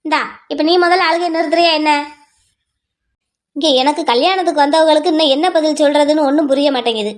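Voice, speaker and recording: Woman doing a village sister-in-law for a cartoon, high voice, scolds and lectures nonstop. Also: fairly even intonation, close to an everyday voice. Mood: scolding. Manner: scolding, exasperated, rapid lecturing. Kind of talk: cartoon voice acting.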